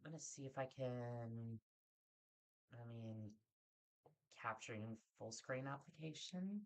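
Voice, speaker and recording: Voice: mid-range voice, slow pace. A livestreamer with a mid-range voice talks in a casual, unscripted way. The manner is self-deprecating, often drifting into muttering to themself as they go.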